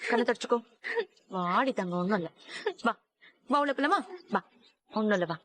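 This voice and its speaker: A woman's voice: mid-range voice, animated, normal speed, a bit bright. An actress playing a loving mother who comforts and reasons with her crying child. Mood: soothing. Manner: soothing, coaxing. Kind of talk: TV serial acting.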